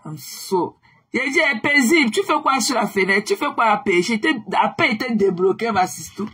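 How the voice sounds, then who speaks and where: A woman's voice: a little high, expressive, moderate pace, a bit bright, slightly rough. A tired woman chatting casually to her viewers on a live stream, repeating herself and slipping English phrases into her talk.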